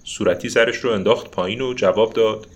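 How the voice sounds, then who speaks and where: A man narrating a children's story expressively, with asides to the listeners. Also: lowish voice.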